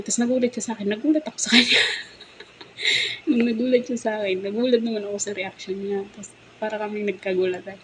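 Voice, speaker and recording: Chatty Filipina helper telling stories. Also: female voice, mid-range voice, a little hiss or hum, poor audio. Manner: chatty, laughs often, acts out quoted voices. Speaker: live-in domestic helper. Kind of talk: casual storytelling vlog. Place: employer's house, indoors.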